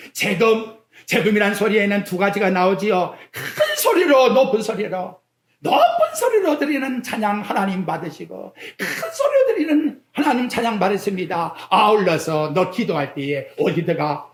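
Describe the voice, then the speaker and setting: A pastor preaching a sermon in a church sanctuary, firing questions at the congregation and swinging between loud exclamations and quiet asides. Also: mid-range voice. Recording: echoey church hall.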